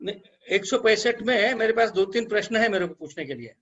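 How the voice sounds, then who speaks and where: A man in a scripture class, asking questions in a halting way with many restarts. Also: high voice, lively intonation, a bit bright, dull audio. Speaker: student.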